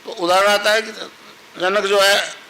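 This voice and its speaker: A man's voice: high-pitched, fairly even intonation, unhurried, bright, forceful tone, low-quality recording. An older man, a spiritual guru, giving a devotional sermon, telling a story and patiently repeating a mantra for his listeners.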